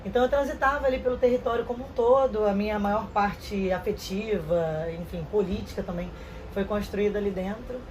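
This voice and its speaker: A woman, giving earnest, measured interview answers with some hesitant restarts. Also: medium pitch, darkish tone, slight background noise, rough recording. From Rio de Janeiro, Brazil. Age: 30s. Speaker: interview guest.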